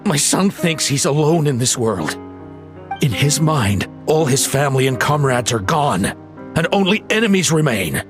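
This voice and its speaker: A man voicing a caring older father of a warrior in a game cutscene, earnest, gentle and courteous. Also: fairly high pitch, sing-song, normal speed, music in the background. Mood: pleading, sorrowful. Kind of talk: dramatic video game cutscene dialogue.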